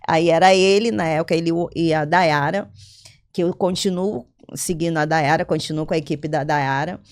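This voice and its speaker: A businesswoman being interviewed, telling her story in a lively, conversational way, often acting out her own quoted lines and asking "entendeu?". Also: low-pitched, moderate pace. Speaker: interview guest, business owner.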